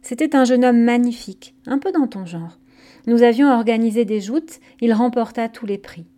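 A woman's voice: fairly high pitch, moderate pace, dark tone, lightly acted. A woman reading aloud as an aging king who answers in a stammering, defensive way. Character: aging male king, evasive and troubled.

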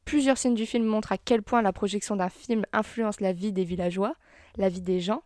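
A woman's voice: mid-range voice, steady tone, normal speed, a little mellow, dry recording, clean studio sound. A woman hosting a casual film review podcast, chatty, mixing English phrases into her talk. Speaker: podcast host.

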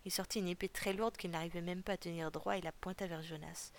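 A woman reading a novel aloud for a podcast in a calm, steady storytelling voice. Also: fairly low pitch, fast, slight background noise. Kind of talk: audiobook reading.

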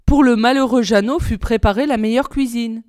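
A woman reading a fairy tale aloud in a measured, expressive storybook style. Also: on the high side, no room sound, studio quality. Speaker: reader.

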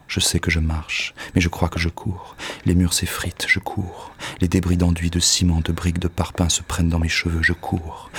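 An actor playing a bitter, lonely young poet in an audio drama, speaking gruffly and curtly, at times sinking into a hushed half-whisper. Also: male voice, low voice, a little hiss or hum. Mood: hushed, lovesick. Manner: gruff, curt and crude. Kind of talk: poetic audio-drama monologue.

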